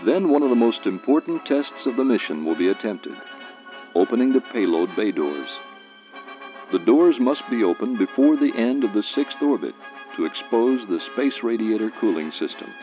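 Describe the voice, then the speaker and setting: A man narrates a scripted documentary in a measured, explanatory manner. His pitch moves in a lively way, on a dull archival soundtrack with faint music.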